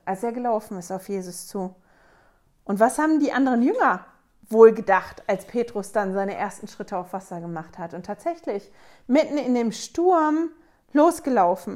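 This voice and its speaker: A woman's voice: on the high side, darkish tone. A woman hosting a casual scripture study, thinking aloud and retelling a story conversationally. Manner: conversational, wonders aloud, acts out quotes. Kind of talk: casual Bible study talk.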